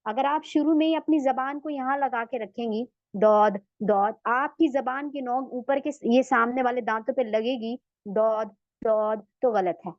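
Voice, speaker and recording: A woman teaching Quran recitation in an online lesson, patiently repeating sounds slowly for her students to copy. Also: sits high, dry recording, lo-fi sound.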